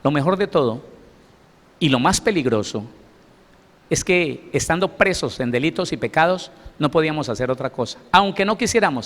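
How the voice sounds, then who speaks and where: Male pastor, emphatic sermon delivery, slightly high voice, reverberant church hall. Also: a bit bright. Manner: emphatic preaching, asks the congregation questions.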